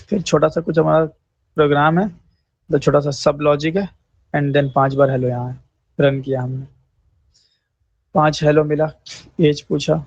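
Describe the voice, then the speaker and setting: Man, programming teacher, slow deliberate delivery, repeats key phrases, slightly dull dry recording. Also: a little high, darkish tone, dry recording. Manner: slow, repetitive, checks in with "thik hai" often; clears throat now and then. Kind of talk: screen-recorded coding lesson.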